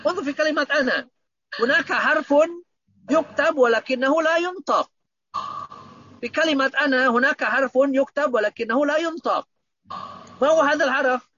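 A man's voice: very high voice, normal speed, long pauses, bright, forceful tone, no echo, dull audio. A man teaching Arabic grammar online, patiently repeating points and quizzing his students.

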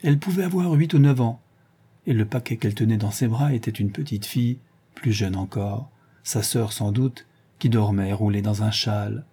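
A man from Alsace reads a literary tale aloud as an audiobook. His delivery is measured and expressive. The voice is dark and warm, with a slightly husky edge. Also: fairly low pitch. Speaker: reader.

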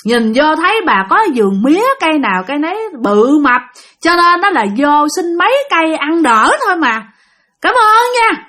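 A woman voicing a hungry, eerily polite ghost woman with a shrill, sing-song voice and a Southern Vietnamese accent. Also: big pitch swings, moderate pace, sharp tone, full character voice. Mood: eerie, ingratiating.

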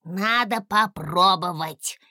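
A woman's voice: fairly low pitch, slow pace, bright, forceful tone, no echo, studio quality. A woman voicing a cheerful, eager little dragon boy.

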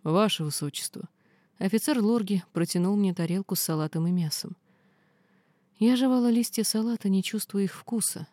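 A woman reading a first-person fantasy novel aloud in steady storytelling. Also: mid-range voice, a little fast, dry recording. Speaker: audiobook reader.

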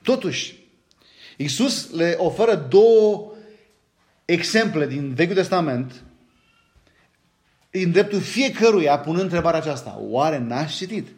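A middle-aged man with a Romanian accent preaching a sermon, his voice sitting a little high. He talks in a lively way and keeps asking his listeners questions. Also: pauses often. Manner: lively, asks the congregation questions, frequent "da?". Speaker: pastor.

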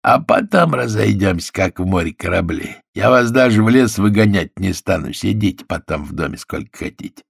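A man voicing a swaggering male criminal who talks in a hoarse, offhand, slangy drawl. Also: lowish voice, lively intonation, moderate pace, hardly any pauses, no room sound, studio quality, full character voice. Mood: mocking.

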